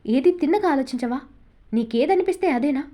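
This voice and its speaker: Storybook heroine: a woman voicing a possessive, emotional young woman, heartfelt delivery, mellow tone. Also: high voice, expressive, a little fast.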